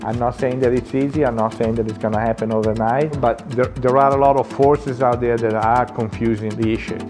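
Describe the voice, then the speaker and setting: A man in his forties, a culinary instructor, talking earnestly in a seated documentary interview and pausing often on "uh". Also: mid-range voice, steady tone, over music. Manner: earnest, with frequent "uh" fillers. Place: indoor lounge, seated.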